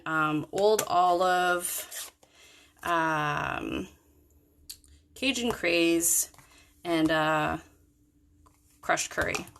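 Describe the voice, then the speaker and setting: A woman's voice: lowish voice, vocal fry, fairly bright tone, a little hiss or hum. A woman chatting through a card-making tutorial in a rambling, self-correcting way, with the hiccups. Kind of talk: casual craft tutorial.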